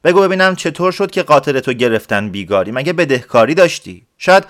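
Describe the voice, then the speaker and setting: A man voicing a calm, shrewd, kindly male letter-writer who questions patiently in a storybook reading. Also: fairly high pitch. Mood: patient, coaxing. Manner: patient, coaxing.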